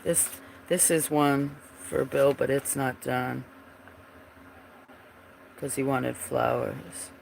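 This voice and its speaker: Over a rough recording with a little background noise, a man in a mid-range, froggy, gravelly voice chats on a livestream about his drawings. He speaks slowly with fairly even intonation and long pauses, rambling and trailing off as he searches for pieces.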